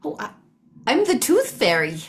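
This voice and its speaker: A woman's voice: high-pitched, huge pitch swings, moderate pace, full character voice. A woman playing a chatty, meddling Tooth Fairy in an improvised comic scene, over a video call. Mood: nosy chatty. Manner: chatty, gossipy, nosy.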